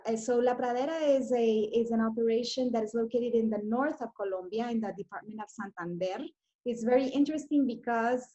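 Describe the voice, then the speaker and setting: A woman's voice: on the high side, dark tone, dull audio. A woman in her forties from Honduras, chatting about coffee farming on a video call, with lots of fillers and restarts. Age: 40s. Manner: hesitant, many fillers and restarts. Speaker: coffee trade representative. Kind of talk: casual video call chat.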